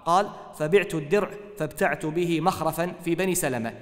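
A man reading religious texts aloud in a steady, formal way. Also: a little high, fairly quick. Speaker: reader of hadith texts. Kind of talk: formal text recitation. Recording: hall with long reverb.

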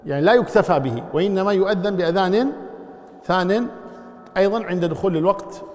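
A man's voice: sits high, fast talker, a little mellow, long reverb tail. A man teaching Islamic law, explaining step by step and putting questions to his class. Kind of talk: lecture explaining a text.

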